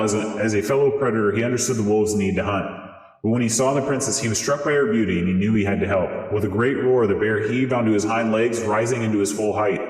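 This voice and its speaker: Man, voice changer morphing his voice, low pitch, steady fairy-tale reading, roomy echo with long reverb. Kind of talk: reading a storybook aloud.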